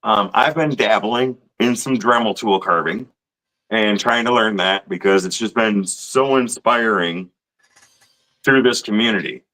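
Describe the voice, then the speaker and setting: Bright-voiced male live-stream co-host. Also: fairly low pitch, measured pace, poor audio. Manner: friendly, reads out names of channel members. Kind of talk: casual live stream chat.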